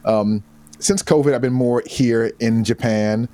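A man being interviewed as a photographer, telling his story in a relaxed, easygoing way. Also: mid-range voice, a little slow. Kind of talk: casual interview chat.

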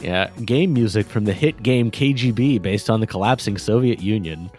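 A man co-hosting a casual podcast, chatty and quick to laugh, often trailing off into asides. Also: fairly low pitch, darkish tone, faint music behind. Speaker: podcast co-host. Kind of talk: casual chat about game music.

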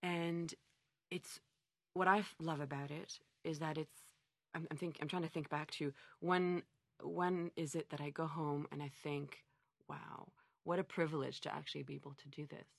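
This interviewee is a middle-aged conference interpreter from Montreal, Canada, whose answers are reflective and conversational, often revised as she goes. Her deep voice carries vocal fry and a steady tone at normal speed, in a dry recording.

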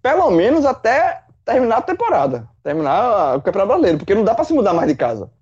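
A man, a football pundit in casual chat, animated, swearing and full of folksy analogies. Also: high-pitched, fast talker, breathy edge, muffled recording. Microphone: remote call.

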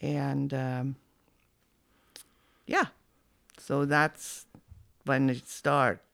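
Woman in her 70s, gravelly, slow, halting speech, dry close sound. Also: rumbling low, level tone, fairly bright tone, dry recording. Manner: halting, many restarts, reminiscing. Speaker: interviewee. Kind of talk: oral history interview.

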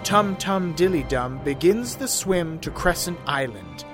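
A man's voice: a little high, animated, a little slow, music in the background. A man giving a scripted narration of a tabletop game's events.

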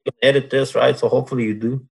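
A man from Mexico speaks in a relaxed interview. His voice is gravelly and a bit husky. He talks plainly, with a dry sense of humor. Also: medium pitch, fast, rough recording. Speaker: guest, oilfield solids control worker. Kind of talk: casual interview.

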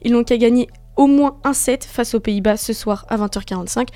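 A woman delivers sports news in a studio, reading and chatting by turns. Her voice is slightly high and mellow, and the sound is dry. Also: a little fast, no echo. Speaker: radio sports columnist. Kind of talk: semi-scripted sports report with casual exchanges. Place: radio studio.

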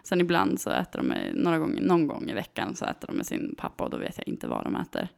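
A woman in her thirties telling a story in a casual, animated chat, with lots of fillers and hesitations. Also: sits low, gravelly. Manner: animated, full of fillers, acts out quoted voices.

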